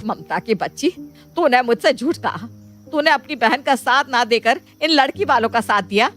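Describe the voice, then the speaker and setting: Over a music bed, a woman voices an emphatic, theatrical middle-aged Indian mother-in-law in a Hindi cartoon moral story, sounding scolding and exasperated. Her voice is fairly high and a bit bright, animated, at normal speed.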